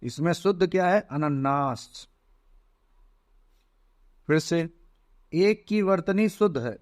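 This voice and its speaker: A man talks through exam questions like a teacher, unhurried and deliberate. His voice sits slightly high, and the sound is dry and close, with no room around it. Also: lively intonation, dry recording. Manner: slow, deliberate, repeats "theek hai" often. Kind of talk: exam paper walkthrough lesson.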